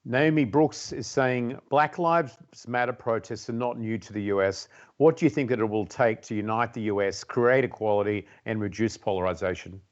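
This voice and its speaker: A man moderating a webinar, reading out audience questions in a brisk, businesslike way. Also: on the low side, highs cut off. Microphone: video call.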